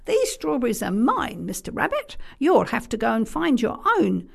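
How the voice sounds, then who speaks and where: A woman's voice: a little high, huge pitch swings, normal speed, vocal fry, slightly rough, pitched above the performer's own voice, full character voice. A woman voicing a greedy, bossy male blackbird in a children's story.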